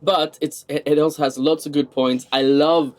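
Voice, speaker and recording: Enthusiastic animated male co-host. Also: a little high, normal speed. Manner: enthusiastic, animated, stumbles over his words. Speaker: podcast co-host. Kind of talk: casual chat.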